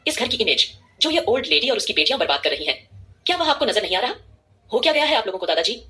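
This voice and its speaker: A woman's voice: medium pitch, pushed and bright. A woman voicing an arrogant, cruel young billionaire man who sneers with contempt.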